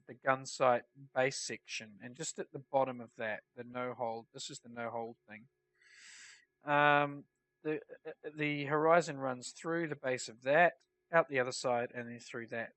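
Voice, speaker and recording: Bright and forceful at a medium pitch, this man's voice is blocked-up and nasal from a cold. He plays a flight simulator and casually explains what he's doing, narrating it as a tutorial.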